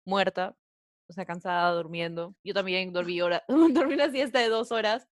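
A woman's voice: mid-range voice, normal speed, dry recording, studio quality. A young woman co-hosting a casual podcast chat, giggly and gushing, with English words slipped in. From Peru. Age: young adult. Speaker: podcast co-host.

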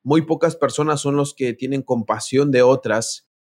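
A man's voice: mid-range voice, moderate pace, a little mellow. A man preaching a sermon, telling a personal story, reading scripture aloud and speaking directly to his listeners.

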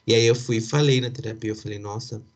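A man's voice: mid-range voice, fairly even intonation, fast talker, darkish tone. A young man, casually telling a personal story with lots of fillers and asides. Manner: chatty, many fillers and asides, occasional laughs.

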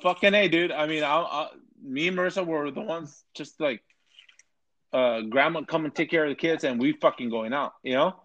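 Casual chat guest: man, thirties, slightly high voice, stammers and cusses freely. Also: normal speed, a bit bright. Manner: profane, stammering, repeats words. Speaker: podcast guest.

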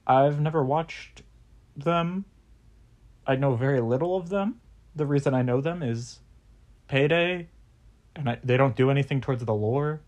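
Young male podcast host, rambling, filler-heavy, casual swearing, mid-pitched voice. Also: measured pace, pauses often, darkish tone.

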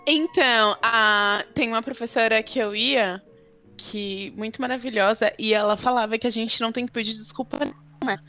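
A woman's voice: a little high, normal speed, faint music behind. A woman, a podcast guest chatting casually and playfully acting out little exchanges. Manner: animated storyteller, mimics voices, playful.

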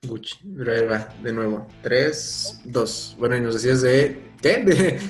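A man's voice: mid-range voice, expressive, measured pace, soft background music. A man with a Mexican accent bantering in a casual podcast, teasing his co-host and jumping in with jokes. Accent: Mexican Spanish. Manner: teasing, jumps in with jokes and punchlines.

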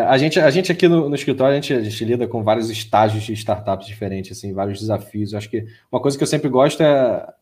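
Fast-talking Brazilian male host. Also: mid-range voice, a little mellow. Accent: Brazilian Portuguese. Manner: fast, halting, repeats words. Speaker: host, lawyer. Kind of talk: conversational interview.

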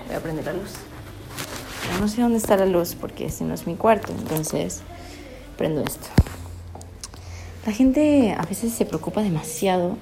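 A woman with a Mexican accent, co-hosting a podcast in casual chat. She laughs often and talks theatrically, dropping to murmurs and then rising to shouts. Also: medium pitch, a little hiss or hum. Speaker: podcast co-host.

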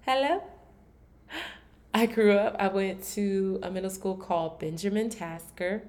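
A woman's voice: medium pitch, a little slow, a little mellow. A woman from Maryland hosting her own podcast, talking in a candid, reflective way with a lot of "like" fillers and restarts. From Maryland, USA. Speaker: podcast host. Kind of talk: casual solo podcast talk.

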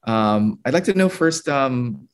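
A man's voice: mid-range voice, lively intonation, measured pace. A man hosting an interview, asking long questions with hedges and fillers. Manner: fluent but hedging, many fillers.

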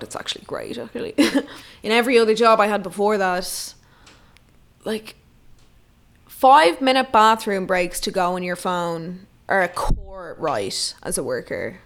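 A woman talks through a solo podcast, loose and sweary, piling on fillers as she rambles. Her pitch sits in an ordinary middle range. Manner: chatty, sweary, rambling with lots of "like". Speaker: podcast host. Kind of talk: casual solo podcast chat.

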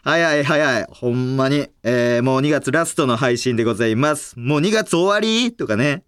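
A man's voice: mid-range voice, a bit bright, clean tone. A young man with a Kansai accent hosting a podcast, chatting casually and laughing often. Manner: chatty, quick to laugh, jokey. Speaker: podcast host. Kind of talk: casual chat.

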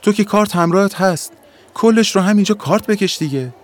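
A man's voice: high voice, voice pushed up, lightly acted. A man voicing an exasperated male bus ticket clerk who scolds and pleads in an agitated way. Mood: coaxing.

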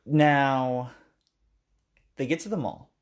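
A man of ordinary pitch talks easily through a film's story, stopping now and then to act out a line. His delivery is relaxed and conversational, the tone of a friend chatting on a podcast. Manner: retells scenes at length, acting out lines in quick character voices. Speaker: podcast co-host recapping a movie. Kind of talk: casual chat.

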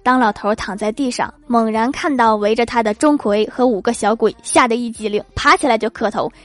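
A young woman tells short comic anecdotes in a lively, wry manner. Her voice sits a little higher than most women's. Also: a little fast, dry recording. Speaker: comedian. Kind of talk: comic monologue.

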